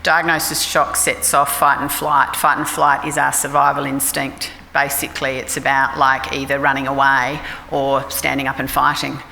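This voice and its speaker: A very deep, gravelly, sharp-toned woman speaks at a moderate pace in a level tone, hardly pausing. She is a middle-aged Australian clinical psychologist delivering a frank, conversational, self-deprecating informal talk at a forum. The hall is reverberant, with faint ambience and a little hiss or hum.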